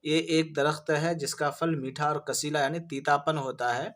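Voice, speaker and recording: A male teacher walks students through Urdu vocabulary for an entrance exam. He keeps asking questions and then answering them himself, in a voice a little higher than most men's. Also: steady tone, a bit bright. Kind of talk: vocabulary lesson for exam prep.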